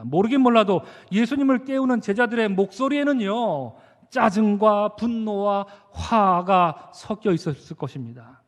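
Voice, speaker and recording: High-voiced pastor preaching in an echoing hall. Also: male voice. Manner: acts out the disciples' frightened and angry words. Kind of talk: sermon. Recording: church hall reverb.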